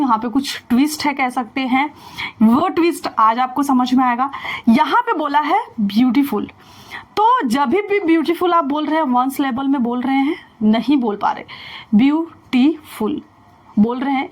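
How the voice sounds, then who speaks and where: A woman teaching an English grammar lesson in Hindi mixed with English, explaining step by step, asking the learners questions and slowly repeating the words she drills. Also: sits high.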